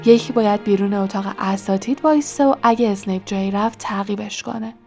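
A woman voicing a determined young schoolboy who speaks urgently and low in a storybook reading. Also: fairly even intonation, gravelly, faint music behind. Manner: urgent and hushed.

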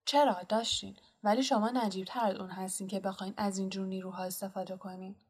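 A woman's voice: mid-range voice, steady tone, a little mellow, breathy edge, lightly acted. A woman voicing a stern, anxious older female witch professor in an audiobook, talking earnestly and pressing with questions. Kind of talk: audiobook character reading.

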